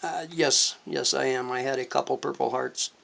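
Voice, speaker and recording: An older man, a veteran, recalling his service in an interview in a halting, earnest, reflective way. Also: mid-range voice, fairly even intonation, creaky, a bit bright. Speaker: interview guest, war veteran. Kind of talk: reflective personal recollection in an interview.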